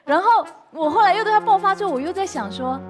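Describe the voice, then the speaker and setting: A woman guest tells a personal story candidly, sometimes jumping high when she acts out her own outbursts. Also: animated, fast, soft background music. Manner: candid, acts out quoted outbursts with sudden high bursts and laughs. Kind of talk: emotional personal storytelling on a talk show.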